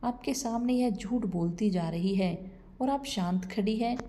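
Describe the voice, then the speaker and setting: A woman's voice: medium pitch, a little slow, dark tone, natural voice. A woman voicing an angry young husband who confronts his wife and mocks her, in a storybook reading. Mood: mocking. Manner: accusing, mocking.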